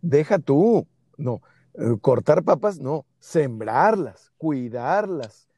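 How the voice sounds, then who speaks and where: A man's voice: on the high side, expressive, slow pace, mellow, breathy edge, no room sound. A man with a Mexican accent co-hosting a casual podcast chat, reflective and fond of rhetorical questions. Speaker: podcast co-host.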